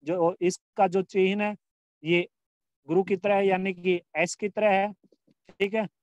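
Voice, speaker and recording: A man's voice: sits high, level tone, takes it slowly, no room sound, lo-fi sound. A male Hindi grammar teacher in a recorded school lesson, who asks questions and answers them himself, repeats phrases and draws out vowel sounds as examples. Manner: repeats phrases, restarts often.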